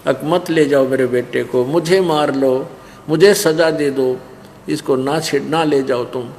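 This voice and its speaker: A man voicing a poor, tearful mother who pleads softly for her son in a sermon story. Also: fairly high pitch, steady tone, a little slow, big-room sound, a little hiss or hum. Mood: desperate. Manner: soft, imploring.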